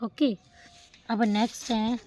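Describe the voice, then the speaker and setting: A woman teacher giving a grammar lesson, explaining in Hindi and reading English example sentences slowly and carefully. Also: fairly high pitch, fairly even intonation, mellow.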